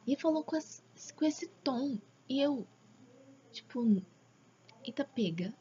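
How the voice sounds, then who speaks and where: A woman with a Brazilian accent gives a casual, earnest religious testimony at home, often dropping into a hushed near-whisper. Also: high-pitched, slow pace. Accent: Brazilian Portuguese. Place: at home, father talking in the background. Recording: dull lo-fi home recording with faint background noise.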